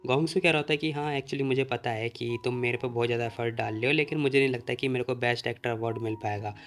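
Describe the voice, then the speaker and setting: Fast-talking man recapping a comic story. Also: mid-range voice, fairly even intonation, a bit bright, soft background music. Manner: retells the plot, quoting the characters' lines in his own plain voice. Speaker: manhwa recap narrator. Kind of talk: casual story recap narration.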